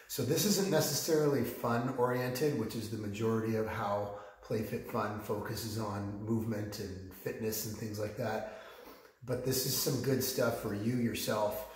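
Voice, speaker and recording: A man coaching viewers through simple exercises in a relaxed, encouraging way, often checking in with "okay?" while he moves around demonstrating them. He is recorded in a big empty room with bare floors and no furniture, so his voice echoes heavily. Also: lowish voice. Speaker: fitness coach. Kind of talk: casual instructional talk. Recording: heavy room echo, voice far from mic.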